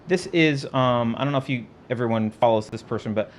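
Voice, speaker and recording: A man's voice: mid-range voice, a little fast, slight background noise. A man hosting a political talk show, talking casually as he walks through video footage and points things out on screen. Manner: conversational, pointing things out on screen, frequent restarts.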